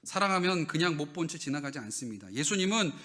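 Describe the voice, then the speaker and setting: A male pastor delivers a Sunday sermon in a church, his voice high and ringing with brightness. He questions the congregation directly, then answers himself, swinging from loud, emphatic declarations to hushed, low-spoken asides. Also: big pitch swings, fast talker.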